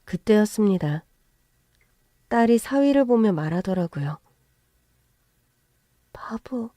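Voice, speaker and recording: A woman narrating a first-person family story in a calm, measured way. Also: mid-range voice, no room sound, studio quality.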